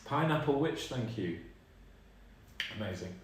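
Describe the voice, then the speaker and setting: A man's voice: mid-range voice, expressive, unhurried. A man co-hosting a live stream, chatting casually and thanking viewers one by one, his voice ringing in a big hall echo. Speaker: streamer co-host. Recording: very echoey room.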